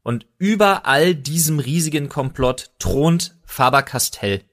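A young man on a podcast, ranting deadpan in mock earnest about wild conspiracies in casual chat. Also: a little high, a little slow. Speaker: podcast host.

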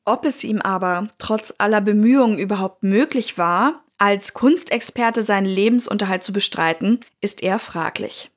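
A woman's voice: mid-range voice, normal speed, few pauses. A woman co-hosting a true-crime podcast, reading a script and adding personal asides to the listeners. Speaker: podcast co-host.

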